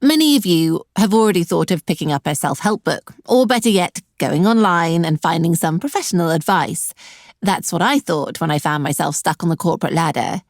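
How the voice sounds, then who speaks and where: A woman's voice: on the low side, lively intonation, a little fast, no room sound. A middle-aged woman hosting an online career webinar, talking directly to her viewers with a dry, sarcastic edge. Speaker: webinar host and career coach.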